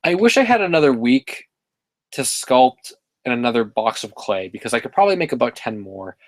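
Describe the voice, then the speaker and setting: Male streamer host, mid-pitched, loose and rambling with lots of fillers, dry close sound. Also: big pitch swings, a little fast, no echo. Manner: rambling, many fillers and self-corrections. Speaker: livestream host reading chat. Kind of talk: casual live-stream chat.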